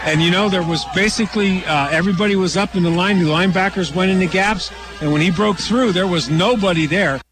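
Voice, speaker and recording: A man's voice: high voice, brisk. A man giving conversational analysis as a football color commentator on a radio broadcast.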